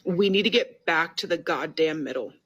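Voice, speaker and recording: A woman's voice: low-pitched, moderate pace, a bit bright, slightly rough. A woman ranting to camera in a heated, profane, lecturing tone. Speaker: social media commentator. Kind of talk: angry direct-to-camera rant.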